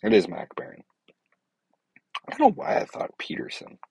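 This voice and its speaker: A man's voice: moderate pace, a little mellow, slight background noise. A man hosting his own podcast, talking in a meandering, hesitant way with many fillers and self-corrections. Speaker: podcast host. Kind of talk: rambling casual monologue.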